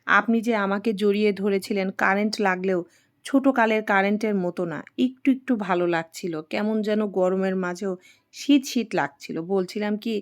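A woman's voice: mid-range voice, fairly even intonation, normal speed, natural voice. Naive girl bride for an audio story, innocent chatter, read by a woman. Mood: pleading.

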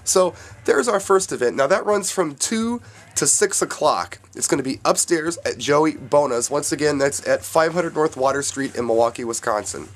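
A man's voice: a little high, lively intonation, normal speed. A man, a DJ hosting his own video channel, announcing upcoming events to his viewers in an upbeat way while reading dates and addresses from notes. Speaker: DJ and YouTube host announcing events.

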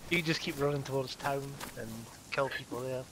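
A man's voice: mid-range voice, steady tone, brisk, background noise. A man with a heavy Scottish accent chatting casually as an online game player, often repeating his phrases, over game voice chat. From Scotland.

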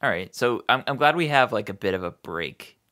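A man's voice: on the low side, animated, a little fast, pushed and bright. A young man co-hosting a podcast, laid-back and joking in casual chat. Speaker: podcast co-host.

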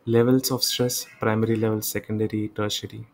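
A man's voice: lowish voice, flat delivery, darkish tone, poor audio. A man giving an exam revision lecture, reading English points and explaining them in Hindi, correcting himself and repeating examples aloud. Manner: reads English slides slowly, explains quickly in Hindi. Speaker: online tutor.

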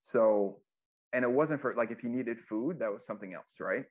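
A man with a mid-range voice at normal speed recalls his days as a music manager in a casual interview. His storytelling is loose and profane, packed with fillers and performed quotes.

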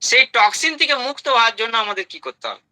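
A man with a high, very bright and piercing voice gives a health talk to an audience. He is emphatic, rattles off items in short bursts and keeps asking rhetorical questions. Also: big pitch swings, fast, low-quality recording. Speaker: health speaker.

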